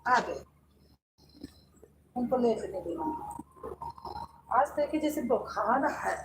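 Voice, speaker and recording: A woman's voice: on the high side, lively intonation, slow pace, background noise. A woman with an Awadhi accent on a casual live stream, coaxing and soothing a sick child.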